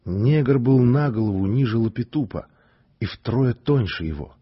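A man narrating a story in an expressive, deliberate way, on a dull lo-fi recording. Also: medium pitch, husky. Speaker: audiobook narrator. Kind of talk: scripted narration.

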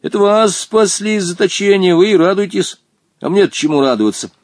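A man's voice: sits high, lively intonation, fairly quick, no echo, clean studio sound, voice pushed up. A man voicing an indignant, nervous young boy in an audiobook, protesting and pleading.

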